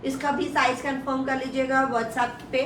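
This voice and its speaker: A high-pitched woman with an Indian accent gives an off-the-cuff live sales pitch, repeating details to push buyers. She slips between Hindi and English. The mic sounds set back in an echoey room, with a little noise underneath. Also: little pitch movement, moderate pace, fairly bright tone. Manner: mixes Hindi with English phrases. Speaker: live shopping presenter selling women's clothing. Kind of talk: live online sales pitch, casual and unscripted. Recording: roomy echo, distant mic, faint noise.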